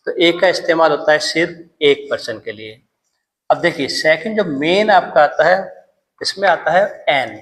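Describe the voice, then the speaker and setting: A man's voice: on the high side, moderate pace, fairly bright tone, low-quality recording. A man teaching English grammar in Hindi, patiently repeating each point and checking in with "theek hai". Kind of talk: classroom grammar lesson.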